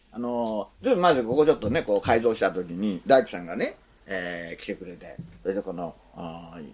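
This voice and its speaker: Husky, very lively Japanese pastor preaching. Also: male voice, mid-range voice. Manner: chatty, asks the congregation questions, adds "ne" often. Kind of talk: sermon.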